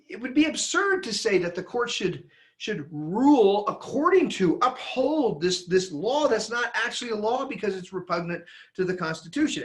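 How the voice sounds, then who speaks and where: A man giving an emphatic, animated lecture that he reads from a handout, with frequent restarts. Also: sits high. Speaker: teacher.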